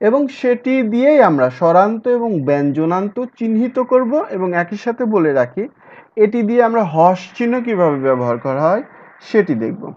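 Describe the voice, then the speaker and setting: A man's voice: high-pitched, sing-song, brisk, darkish tone. A male teacher giving an exam-prep lecture, explaining step by step and repeating key words. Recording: dull lo-fi recording.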